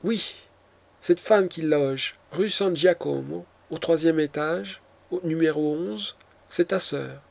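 A man's voice: on the high side, slow, gravelly, full character voice. A man reading the part of a frightened nobleman, a count, in an audiobook, with frantic, anguished delivery. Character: terrified panicking nobleman, a count.

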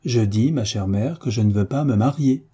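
A pleasure-loving young aristocrat refuses his mother gently but firmly, as read by a male narrator. His voice is very dark and mellow, with a husky edge. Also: mid-range voice, normal speed. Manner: calm, tender, quietly defiant. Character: carefree young nobleman, gentle but firm son.

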